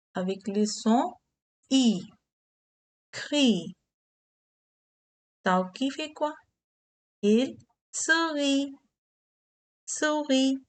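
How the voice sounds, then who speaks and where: A woman leads a beginner French lesson at a very slow, careful pace. Her voice sits a little high, and she repeats key words and adds short English glosses. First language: Hindi. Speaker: French teacher.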